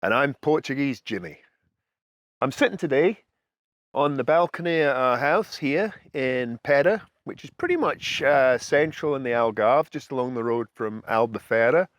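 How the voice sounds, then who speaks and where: Standing outdoors on a house balcony, a middle-aged Scottish man hosting a food and travel channel gives a casual, explanatory talk to camera. His mid-range, fairly bright voice has lively intonation and a moderate pace, captured cleanly with no echo.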